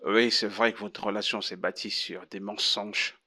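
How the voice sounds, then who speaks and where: Moralizing counselor in a dubbed drama; low, bright, measured. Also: male voice, little pitch movement. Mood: preachy. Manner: measured, sermonizing. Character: moralizing male counselor, calm and preachy. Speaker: marriage counselor.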